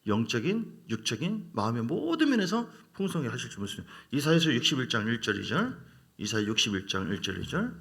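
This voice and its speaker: A middle-aged man preaches a sermon with a gravelly edge to his voice. His pitch leaps and dips all through, moving from hushed lines to sudden loud cries. He sits at an ordinary pitch for a man. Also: fast. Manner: animated preaching, swinging from quiet to loud exclamations. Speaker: pastor.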